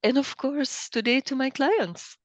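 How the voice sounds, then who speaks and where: A middle-aged woman from Belgium, speaking as an interview guest, thoughtful and hesitant with many pauses and restarts. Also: high voice, muffled recording. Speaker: guest, coach. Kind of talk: interview conversation.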